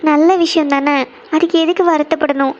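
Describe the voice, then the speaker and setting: A caring cartoon little sister, played by a woman, anxiously pressing with question after question. Her voice is pitched high, and the sound is muffled and dull, like a lo-fi recording. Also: fairly even intonation, brisk, close to an everyday voice. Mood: concerned. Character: caring younger sister, young office worker.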